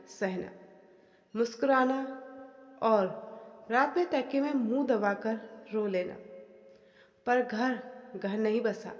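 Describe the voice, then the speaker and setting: Woman storyteller, slow dramatic narration, fairly high voice, echoey room with long reverb.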